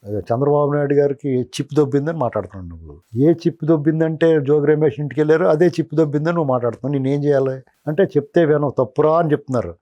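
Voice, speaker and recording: Man, middle-aged, political analyst, heated interview commentary, combative scolding, slightly high voice, very quick talker. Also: warm tone, highs cut off.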